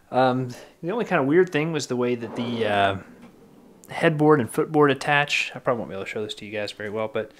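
Chatty man filming a bedroom walkthrough. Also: mid-range voice. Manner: relaxed, chatty, many ums and likes. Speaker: home renovation vlogger. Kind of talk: casual walkthrough talking to camera. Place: small carpeted bedroom indoors. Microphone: handheld camera at arm's length.

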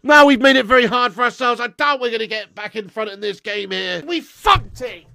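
A man hosting a football watchalong, ranting and swearing heavily with sudden shouts. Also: extremely high pitch, fairly quick, creaky, no echo. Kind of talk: live match reaction rant.

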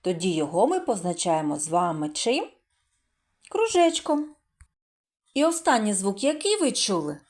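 A woman's voice: medium pitch, sing-song, normal speed, pauses often, darkish tone. A woman teacher giving a recorded literacy lesson to young children, asking questions, drawing out speech sounds and answering with praise. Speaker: primary school teacher.

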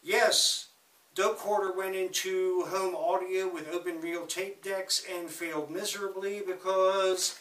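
A man chats to viewers from a room full of audio gear, rambling with joking asides. His voice sits high and sounds bright, and he talks at an unhurried pace. The mic picks him up from a distance, so the room echo comes through. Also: steady tone. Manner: chatty, joking asides, slow with sudden quick bursts. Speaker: vlogger talking about records and audio gear. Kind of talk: casual rambling talk to camera. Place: home room with audio equipment.

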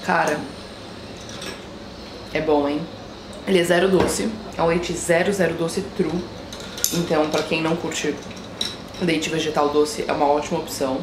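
With long pauses at a normal speed, a woman speaks in a low-pitched voice with little pitch movement, background noise audible. She's a mid-twenties São Paulo Brazilian vlogger doing a casual daily chat to camera in small rooms at home, slangy and self-deprecating.

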